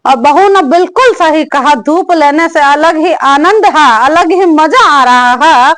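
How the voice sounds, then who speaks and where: A woman voicing a bossy, aging mother-in-law who nags slowly and scolds in a comic family sketch. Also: high-pitched, fairly bright tone. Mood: contented. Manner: slow, scolding, drawn-out nagging.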